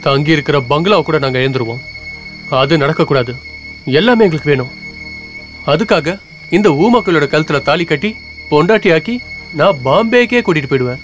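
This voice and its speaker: A man's voice: on the high side, animated, brisk, long pauses, soft background music, natural voice, poor audio. An actor playing a scheming, greedy young man who mocks and menaces his mute fiancée, in a Tamil film drama. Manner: sly, mocking, menacing.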